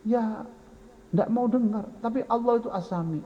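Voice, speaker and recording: A man's voice: extremely high pitch, normal speed, lo-fi sound. A man with a Javanese accent preaching a folksy sermon and speaking directly to his listeners. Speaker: Islamic preacher.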